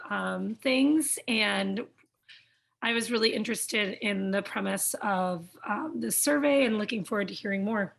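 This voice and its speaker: A woman's voice: on the high side, creaky, fairly bright tone. A woman educator introducing herself on a call, casual and apologetic, feeling a bit under the weather. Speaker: teacher at a high school. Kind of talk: self-introduction on a video call. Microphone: video call.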